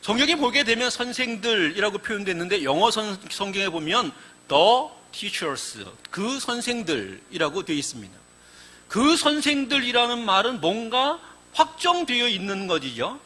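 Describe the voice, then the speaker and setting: Male pastor, sermon, very high and bright voice, vivid storyteller who acts out the quotes. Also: moderate pace. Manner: animated storytelling, acting out quoted lines.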